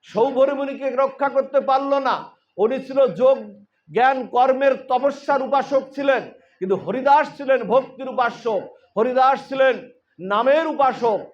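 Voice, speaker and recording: Male preacher from Bangladesh, high voice, repetitive sing-song storytelling sermon. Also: unhurried. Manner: sing-song storytelling with many repeated phrases and rhetorical questions. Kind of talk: devotional sermon. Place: religious gathering. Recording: muffled lo-fi sound.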